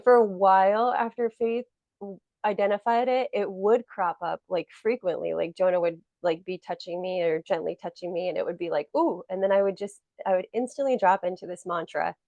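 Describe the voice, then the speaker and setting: A woman's voice: on the low side, fairly even intonation, a little fast, darkish tone, no room sound, highs cut off. A woman co-hosting a podcast in casual chat, rambling with lots of "like" fillers. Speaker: podcast co-host.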